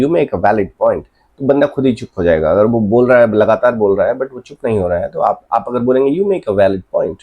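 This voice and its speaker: A man's voice: medium pitch, a little mellow, husky. An Indian man teaching English in Hindi as a casual lesson, explaining step by step and often checking in with "alright?". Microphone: voice-over over a screen presentation.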